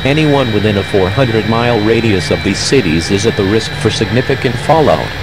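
A man announcing a national emergency alert that breaks into regular programming, in a flat, measured official delivery. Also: lowish voice, very noisy. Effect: emergency alert broadcast cutting into regular programming.

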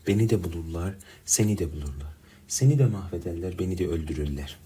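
A man reading the quoted lines of a heartbroken young woman as part of a storybook story, in a soft, resigned manner. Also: deep voice, fast talker, a little hiss or hum, lightly acted. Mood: sorrowful.

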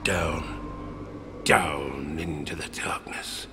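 A gravelly older man with a bass voice whispers his way through a dramatic audio drama as a grizzled old harpooner telling a tavern sea tale, boastful and haunted. The tone is steady and heavily acted, with drawn-out words and a haunted, hushed mood, spiced with sailor's dialect, chuckles and theatrical asides.

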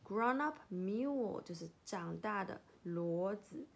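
A woman teaching English from a picture book, reading lines slowly and repeating each word several times as she sounds it out, with quick explanations in between. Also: medium pitch, lively intonation, gravelly, husky. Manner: slow, drawn-out English words, quick asides in Chinese. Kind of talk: bilingual phonics lesson, reading aloud.

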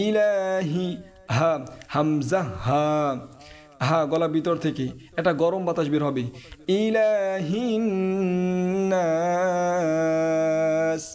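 A man with a Bangladeshi Bengali accent teaching Quran recitation, chanting verses slowly and drawn out, then explaining pronunciation in quick speech. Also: on the high side, darkish tone.

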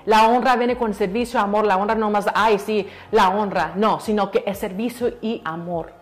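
A woman's voice: medium pitch, steady tone, normal speed, faint music behind. A woman, a pastor's daughter, giving an earnest testimony in an interview, repeating phrases for emphasis and slipping in English words. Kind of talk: emotional testimony in a church interview.

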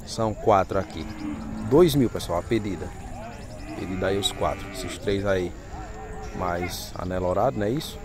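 A man's voice: deep voice, moderate pace, background noise. A man walks through outdoor cattle pens at a livestock fair, announcing each lot and its asking price to viewers on a handheld phone. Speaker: vlogger touring a cattle fair. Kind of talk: casual market walk-through.

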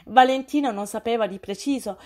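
A woman narrating a novel as an audiobook, in a steady storytelling read. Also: on the high side, a little fast. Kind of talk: scripted narration.

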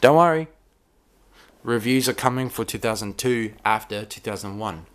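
A man giving a casual hands-on toy review in a dim room, talking in a rambling, halting way with many restarts. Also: on the low side, fairly bright tone, clean tone.

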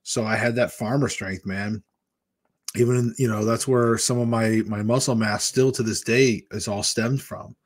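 Speaking into a big desk mic in front of his webcam, a fiftysomething weight-loss vlogger from Michigan runs a relaxed live chat for viewers from a small home room. His fairly low voice holds a steady tone at normal speed. He rambles openly between stories.

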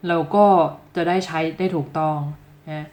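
Lively Thai woman teaching English. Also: deep voice. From Thailand. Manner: lively, repeats example phrases slowly with stress, talks straight to the viewer. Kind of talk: casual video lesson.

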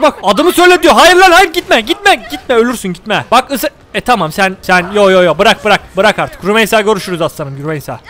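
A young man with a Turkish accent giving excitable, joking commentary while playing a game, often shouting at the characters. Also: very high voice. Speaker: gaming YouTuber. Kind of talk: let's play commentary.

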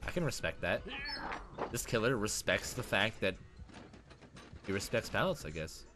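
A young man giving live-stream gameplay commentary, excitable and profane, swinging from loud outbursts to low mutters. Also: normal speed, background noise. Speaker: streamer playing a survival horror game.

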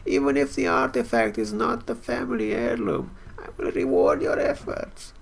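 A man voicing an elderly man who asks the player a favor, reading game dialogue in character in a slow, quavering put-on voice. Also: extremely high pitch, wildly swooping pitch, vocal fry, husky, voice pushed up, full character voice. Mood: pleading.

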